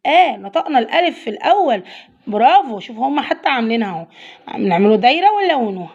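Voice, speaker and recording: High-voiced Egyptian woman teaching children. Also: muffled recording. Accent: Egyptian Arabic. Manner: patient, sounding out letters slowly and praising. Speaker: primary school teacher. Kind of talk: children's reading lesson.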